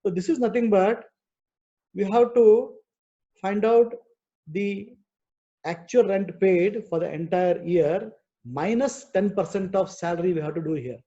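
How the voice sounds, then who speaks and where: Over dull, muffled video-call audio, a man with an Indian accent teaches online, walking through worked problems step by step. His teaching is repetitive and didactic, punctuated by frequent "okay" checks, and his high-pitched voice has a dark tone and a measured pace.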